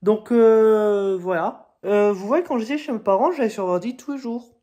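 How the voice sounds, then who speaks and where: A man's voice: sits high, moderate pace, warm tone. A young man chatting casually in a vlog, rambling along with frequent hesitations and restarts. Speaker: vlogger.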